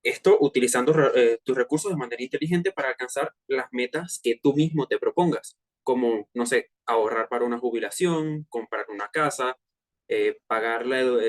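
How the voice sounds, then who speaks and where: A young man from Venezuela, in his twenties, casually presents a personal finance session online for other students. His middle-pitched voice carries a Venezuelan Spanish accent, and he talks in a relaxed, chatty way with frequent filler hesitations and slang.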